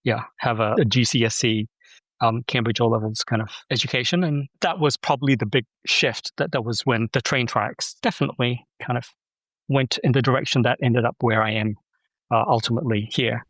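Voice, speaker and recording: A man's voice: medium pitch, steady tone, a little fast, a bit bright, dry recording. A man from Malaysia, a podcast guest, talking casually in a reflective way, often restarting his sentences. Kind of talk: casual interview talk.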